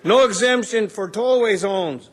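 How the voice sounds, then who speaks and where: A man with a high-pitched voice addresses officials in public comment. His delivery is confrontational and insistent, pressing each point. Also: unhurried. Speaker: public speaker at a council meeting.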